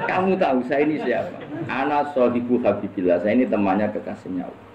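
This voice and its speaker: A man's voice: mid-range voice, moderate pace, muffled recording, a crowd in the background, voice pushed up, lightly acted. A man doing a brash, commanding caliph voice. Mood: scolding, boastful. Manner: loud, scolding, boastful. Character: fierce bold male caliph, brash and commanding. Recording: echoey room with faint noise.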